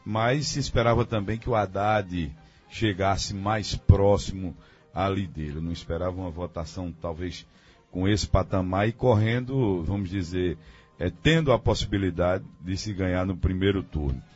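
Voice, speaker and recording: A man's voice: sits low, moderate pace, a little mellow, slightly rough, faint music behind. A man giving his political analysis as a guest on a radio debate, thinking aloud with many fillers and restarts. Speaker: guest commentator. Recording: dull lo-fi radio studio sound.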